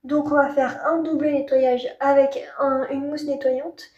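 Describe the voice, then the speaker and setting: A woman with a Parisian French accent speaks in a high, mellow voice. She talks like a beauty vlogger demonstrating a product, in a colloquial, candid way that stays informal. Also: level tone, a little slow, muffled recording. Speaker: beauty vlogger reviewing skincare. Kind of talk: casual product demo chat.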